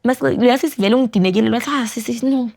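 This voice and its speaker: A young woman with a South African accent telling a personal story as a podcast guest, quiet and reflective, switching between Zulu and English. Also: fairly high pitch, racing. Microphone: studio podcast mic.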